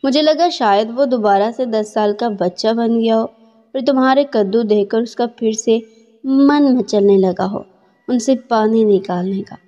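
A gruff, accusing middle-aged husband, stern and suspicious, as a woman narrator puts him on. The voice sits fairly high and soft-toned, and the muffled lo-fi recording carries a long reverb tail. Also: close to an everyday voice.

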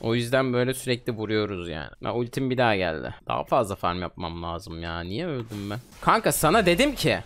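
A man in his twenties giving excitable, trash-talking commentary on his own gameplay. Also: on the low side, fast talker, hardly any pauses. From Turkey. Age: 20s. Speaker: gaming streamer.

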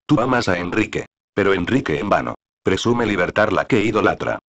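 A man reading the part of a cruel, scheming nobleman in a play, in slow, solemn verse. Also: low voice, lively intonation, fairly bright tone, dull audio, full character voice. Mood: menacing.

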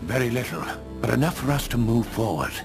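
An actor playing a formal, brisk intelligence official giving orders in a video game cutscene. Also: male voice, medium pitch, big pitch swings, vocal fry, over music.

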